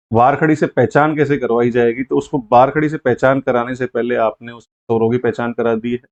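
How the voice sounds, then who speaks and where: A man's voice: medium pitch, a little mellow, lo-fi sound. A male teacher patiently explaining a lesson step by step, often repeating key points.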